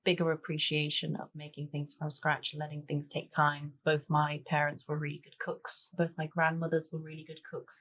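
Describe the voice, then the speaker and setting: A woman's voice: low-pitched, a bit bright. A woman in her forties, raised in Tanzania, chatting easily as a guest chef in an interview. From grew up in Tanzania, born in Denmark. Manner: chatty, with many "sort of" and "you know". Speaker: guest chef and cookbook author. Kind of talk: relaxed conversational interview.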